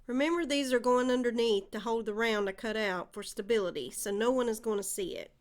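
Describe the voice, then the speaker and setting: Narrating a home DIY project for her channel, this Southern woman walks through each step in a friendly instructional voice-over. She speaks on the high side and fairly quickly.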